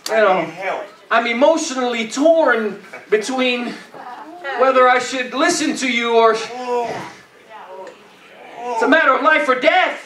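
In an echoey church, picked up by a distant camera, a middle-aged pastor preaches from the indoor stage in an extremely high, pushed and bright voice. He goes a little slow with long pauses, exhorting the congregation in colloquial, repetitive phrases and punctuating points with "amen?".

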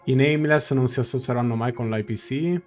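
A young man with a mid-range voice speaks briskly, casually translating game dialogue aloud and musing as he goes during a live reaction stream. He's in a small indoor room with game music in the background.

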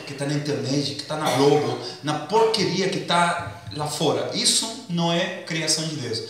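High-voiced preacher in echoey church. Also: male voice, a bit bright. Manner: casual slangy preaching with congregation call-and-response; acts out comic skits. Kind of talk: sermon. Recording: echoey church hall, distant mic.

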